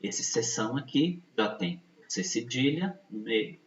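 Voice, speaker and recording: A man teaches at an unhurried, deliberate pace, patiently repeating each point and checking that his listeners follow. His voice sits in a middle register and comes from some distance off the mic. The room is noticeably echoey and the recording sounds dull and muffled. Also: medium pitch, lively intonation, a little hiss or hum. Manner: slow, patient, repeats points with frequent tag questions. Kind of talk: video lesson explanation.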